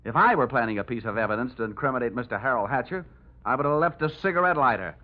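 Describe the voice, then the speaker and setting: Here a man's mid-range voice comes across as expressive and quick, only lightly acted. He's voicing a hard-nosed, joking insurance investigator, delivering narration and dialogue like a sardonic detective from vintage radio, in a firm, sardonic mood. Loud music plays over the muffled old radio recording.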